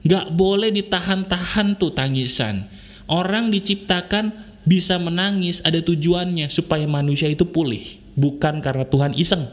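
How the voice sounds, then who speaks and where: A man's voice: fairly high pitch, moderate pace. A man hosting a motivational podcast, talking earnestly and coaxingly to listeners, repeating his key points. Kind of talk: heartfelt motivational talk.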